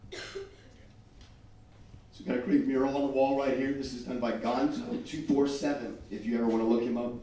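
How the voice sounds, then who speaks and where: A restaurant representative with a medium-pitched, dark voice presents his new restaurants at a business meeting, upbeat and promotional even as he loses his voice. He sounds far from the mic in an echoey room, with slight background noise.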